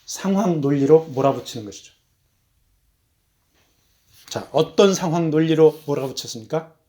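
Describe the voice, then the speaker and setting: A man preaching a sermon as a missionary, emphatic, his voice rising on key words and then falling low, slowing down for stress. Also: lively intonation, mellow. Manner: measured, slows down for stress.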